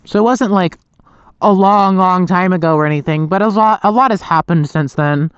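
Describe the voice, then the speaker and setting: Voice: mid-range voice, normal speed, clean tone, no echo. A young adult motorcycle vlogger chatting casually and rambling from inside a helmet, with meandering, self-interrupting talk and mild swearing, slightly muffled on a close mic. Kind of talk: casual rambling vlog chat. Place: inside a helmet, outdoors at night.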